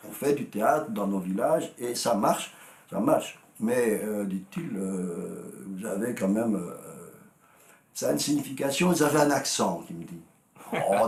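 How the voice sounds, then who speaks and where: An older man with a Walloon Belgian accent and a gravelly voice, telling stories in an interview and acting out old conversations. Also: on the low side. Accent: Walloon Belgian French. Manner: animated anecdotal storyteller, acts out dialogue. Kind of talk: storytelling interview. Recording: roomy echo.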